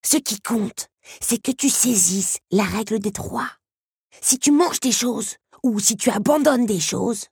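Female reader as a scolding male beetle, sharp and commanding, dry sound. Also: lowish voice, lively intonation, measured pace, breathy edge, no echo, full character voice.

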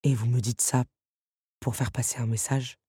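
A woman's voice: steady tone, normal speed, warm tone, slightly rough, dry recording, studio quality, full character voice. A woman voicing the Beast, a proud, bitter male creature, in an audiobook reading. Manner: bitter, low and curt.

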